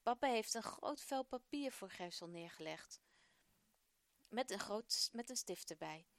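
A woman presenting a children's radio program, telling a story in a lively, expressive way. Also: mid-range voice, unhurried, dry recording.

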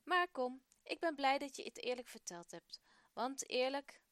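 A woman reading the part of a kind, patient father, speaking gently and encouragingly. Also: high voice, animated, a little slow, dry recording. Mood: gentle. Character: kind patient father, middle-aged man.

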